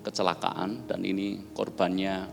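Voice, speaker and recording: A man voicing a phone scammer posing as a police officer, speaking in a low, formal, officious manner, with long reverb and soft music behind. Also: flat delivery, measured pace, vocal fry. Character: gruff adult male phone scam police officer.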